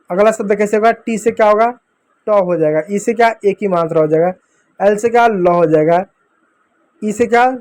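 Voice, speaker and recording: A man's voice: high-pitched, a little mellow. A man teaching English pronunciation to beginners, drilling each word step by step and answering his own questions. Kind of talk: explaining a phonics lesson to beginners.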